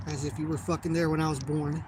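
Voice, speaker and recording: A young American man from the United States vlogs in a casual monologue, cursing heavily and drifting off as he loses his train of thought. His voice runs high and slightly mellow, with a quick pace and little pitch movement. There's noise in the background.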